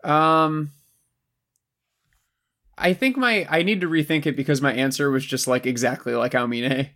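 A man co-hosting a podcast, making dry, deadpan jokes while recapping an anime. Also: on the high side, a little slow. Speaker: podcast co-host. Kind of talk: casual anime recap chat.

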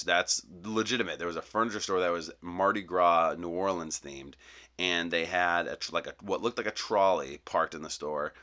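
Low-pitched man in a rambling comic rant. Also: pushed and bright. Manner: rambling, self-interrupting, mock-outraged. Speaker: comedian host. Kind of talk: comedic monologue.

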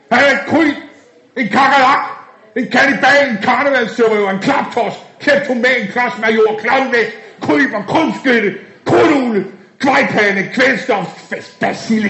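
A man's voice: very high voice, a bit bright. A man voicing a cocky, foul-mouthed young male tough who sneers and rattles off insults, in a dull, echoey room recording.

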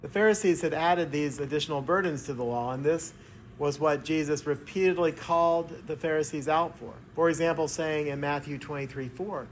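Guy preaching a homily in church, slightly high voice, formal and measured, bit of background noise. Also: rough recording. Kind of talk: sermon, homily. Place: inside a church.

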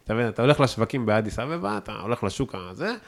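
A man's voice: mid-range voice, animated. A man with an Israeli accent chatting casually as an interview guest, enthusiastic and emphatic, repeating words for stress. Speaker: podcast guest, chef.

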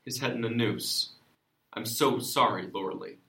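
An actor playing an exasperated, self-important sheriff who narrates a comic noir detective story. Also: male voice, mid-range voice, moderate pace, sharp tone. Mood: matter-of-fact. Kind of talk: comic hard-boiled noir narration and dialogue. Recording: roomy echo.

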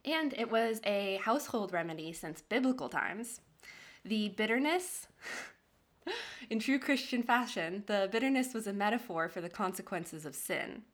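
A woman's voice: medium pitch, lively intonation, measured pace. A woman co-hosting a casual podcast, reading out history notes in a chatty way and laughing often. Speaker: podcast co-host.

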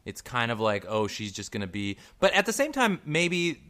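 A young man with a mid-range voice talks films in a loose, rambling way. He restarts often and his voice jumps up when he gets excited. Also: mid-range voice, moderate pace. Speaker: podcast co-host. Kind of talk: casual chat.

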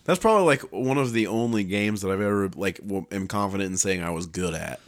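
A man's voice: fairly low pitch, fast. A young man co-hosting a casual chat podcast, crude and teasing, laughing often as he reminisces. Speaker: podcast co-host.

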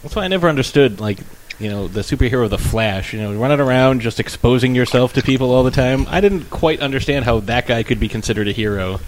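A man's voice: mid-range voice, fast talker, slight background noise, low-quality recording. A man hosting a podcast with rambling, dry joking introductions and casual comic banter. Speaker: podcast host.

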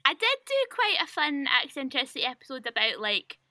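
A podcast host with a high-pitched voice talks a little fast, telling stories in a casual chat. She's chatty and animated, using plenty of filler words.

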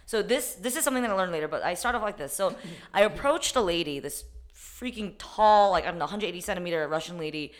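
A woman's voice: lowish voice, fast. Woman podcast cohost, casual storytelling, lots of cursing, acts out the quotes. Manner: animated, swears a lot, acts out quoted lines. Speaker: podcast co-host.

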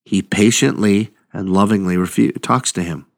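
A man delivers a sermon with a somewhat low voice. He tells the story in a lively, conversational way, with asides to the listeners. He acts out the quoted lines as he goes. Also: moderate pace, vocal fry. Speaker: preacher.

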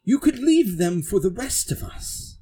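A man's voice: sits high, sing-song, unhurried, mellow, voice pushed up. A man voicing a smug, officious knight who speaks with formal politeness. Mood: haughty. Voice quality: pompous.

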